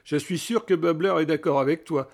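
Casting: a man doing a morose, deadpan woman reporter in an audiobook, pitched up. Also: a little fast, close to an everyday voice. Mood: dry. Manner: dry, morose, reluctant. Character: dry, gloomy woman TV reporter.

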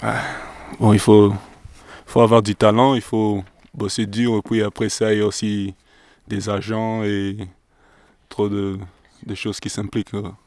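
A man's voice: lowish voice, little pitch movement, measured pace, darkish tone, no room sound. A young man from DR Congo, a professional basketball player answering interview questions hesitantly and searching for words.

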